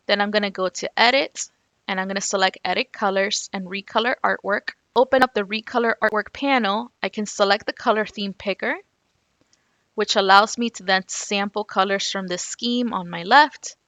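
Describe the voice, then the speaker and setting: A woman with a Miami accent giving an informal, explanatory step-by-step software tutorial as a voice-over. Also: medium pitch, no room sound. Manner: informal, explanatory, addresses viewers as you guys. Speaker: software instructor. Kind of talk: step-by-step screen tutorial narration.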